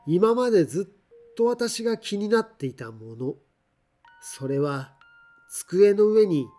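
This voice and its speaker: A man reading a scripted ghost story aloud in a measured, deliberate storytelling manner, with drawn-out phrases. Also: a little high, a little mellow.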